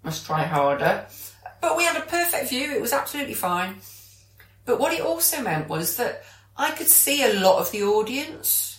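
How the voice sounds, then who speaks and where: Speaking at a normal speed, this British podcast co-host has a slightly high, sing-song voice. She keeps the conversation casual and chatty, explaining things along the way, and the audio has an echoey, roomy quality.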